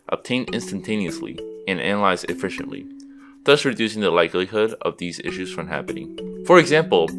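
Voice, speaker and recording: Young student guy, chinese first language, low voice, reading his essay, music playing behind. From Seattle, USA. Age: young adult. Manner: steady, explanatory reading. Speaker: student narrator. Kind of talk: scripted video essay narration.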